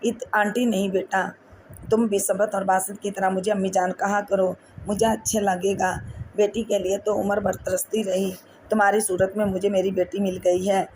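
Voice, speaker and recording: A woman reading the lines of an affectionate older mother-in-law in an audiobook novel, in a soft, motherly way. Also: medium pitch, little pitch movement, a little hiss or hum, natural voice, low-quality recording. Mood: doting.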